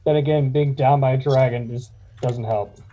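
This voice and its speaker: Very dark-voiced man player. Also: mid-range voice, fairly even intonation, moderate pace, a little hiss or hum, rough recording. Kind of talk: casual chat at a tabletop game.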